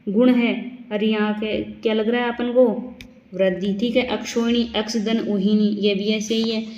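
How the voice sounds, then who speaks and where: A woman teaching grammar in a slow, step-by-step way, asking questions and then answering them herself. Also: on the high side, steady tone, darkish tone, echoey room, lo-fi sound. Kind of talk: classroom explanation.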